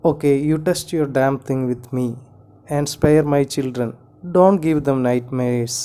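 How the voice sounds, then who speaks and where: A man's voice: medium pitch, warm tone, smooth. A man reading as a weary, worried young mother. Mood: resigned. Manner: measured bilingual reading of her lines.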